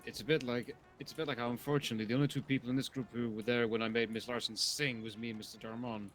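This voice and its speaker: Fast, dry-talking man telling stories. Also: mid-range voice, little pitch movement, fairly bright tone, faint music behind, rough recording. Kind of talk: in-character western roleplay storytelling.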